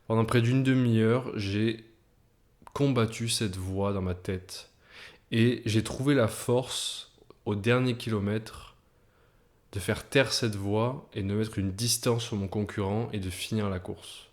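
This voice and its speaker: A man's voice: on the low side, steady tone, slow pace. A man speaking straight to the viewer in a motivational storytelling monologue, addressing them directly and building tension through repetition. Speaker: video creator.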